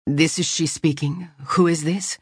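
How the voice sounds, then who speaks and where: A woman's voice: sits low, fairly even intonation, a little slow, breathy edge. A woman narrator voicing a woman who is woken suddenly, speaking thickly and uneasily. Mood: dazed, uneasy. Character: woman jolted awake, dazed and uneasy. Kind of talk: audiobook character voice.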